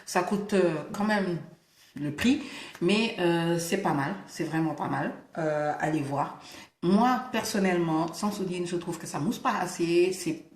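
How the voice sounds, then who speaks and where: A woman gives casual beauty advice to her viewers. She lisps, so her s sounds slide toward a slushy sh. Her delivery is informal and emphatic, dotted with English interjections, and the room adds a clear echo. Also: on the low side, a little slow. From Senegal. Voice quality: lisp, slushy sh-like s. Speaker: beauty vlogger. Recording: roomy, echoing indoor sound.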